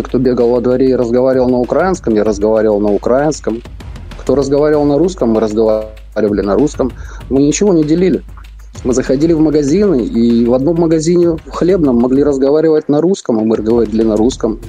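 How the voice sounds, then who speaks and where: Speaking by phone as a guest on a live radio interview, a middle-aged Ukrainian man talks earnestly, repeating phrases and hesitating with fillers. His mid-range voice has a dark tone and a breathy edge.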